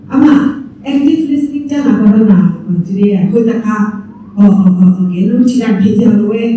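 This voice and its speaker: A woman's voice: medium pitch, mellow, a little hiss or hum. A woman giving a lecture on self care with slides, mixing English terms into her talk and laughing lightly now and then. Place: church hall. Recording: echoey hall from far off, dull.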